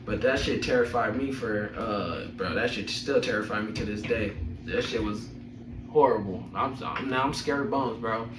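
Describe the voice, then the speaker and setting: With a lowish voice at normal speed, a young adult podcast host casually recounts personal stories, chuckling and using slang and profanity. It was recorded in an echoey room with a far-off mic and some faint noise.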